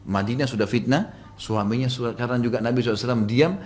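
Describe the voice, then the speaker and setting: A man preaching to a congregation, retelling a story dramatically and jumping high in pitch when he quotes the people in it. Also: racing, a little mellow. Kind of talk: storytelling sermon.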